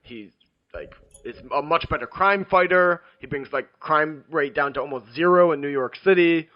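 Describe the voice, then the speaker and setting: A man's voice: a little high, moderate pace. A man co-hosting a podcast in casual chat, chatty and a bit fumbling, with the hiccups. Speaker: podcast co-host. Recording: dull lo-fi sound.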